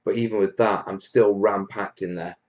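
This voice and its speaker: A man from Wales chats with viewers on a casual live Q&A stream for his hobby, keeping things blunt, jokey and matey. His fairly low voice has a steady, darkish tone at normal speed. The recording is muffled.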